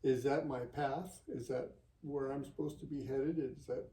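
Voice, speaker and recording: A person in their seventies talking casually and haltingly, asking questions as a client in a session. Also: mid-range voice, fairly even intonation, warm tone. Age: 70s. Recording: roomy, echoing, distant from the mic.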